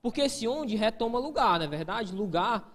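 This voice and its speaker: With a long reverb tail behind him, a man speaks briskly and expressively in a high voice while teaching grammar for an exam. He frequently says "ó" and answers student questions he imagines and poses to himself.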